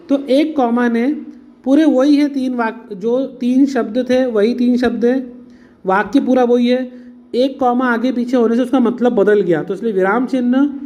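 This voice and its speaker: A man's voice: very high-pitched, warm tone. A man teaching an exam-prep lesson, explaining patiently, mixing in English words and calling his students "beta". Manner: mixes English words into Hindi.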